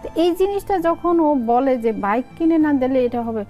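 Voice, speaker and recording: Animated Noakhali-accented Bengali woman. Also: high-pitched, moderate pace, faint music behind. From Noakhali region, Bangladesh. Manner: animated, acts out family dialogues in dialect. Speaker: content creator guest. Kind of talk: casual interview chat.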